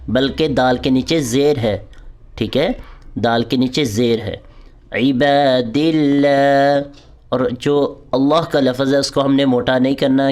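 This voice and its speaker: In an online lesson on reciting prayers, a man with a mid-range, slightly mellow voice patiently goes over each point. He then recites long, drawn-out model lines that his students repeat.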